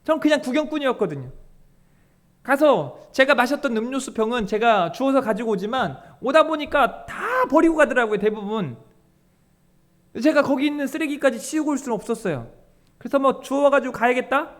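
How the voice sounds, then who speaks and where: A man's voice: extremely high pitch, brisk. A male pastor delivering a Sunday sermon, speaking directly to his congregation and acting out the voices of the people in his stories. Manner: lively preaching that acts out quoted voices of congregants and the Lord.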